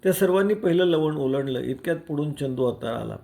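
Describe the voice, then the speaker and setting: Male reader, slightly higher voice, measured storytelling narration of a serialized novel. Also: expressive, creaky, warm tone. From Karad, Maharashtra. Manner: measured storytelling with acted dialogue.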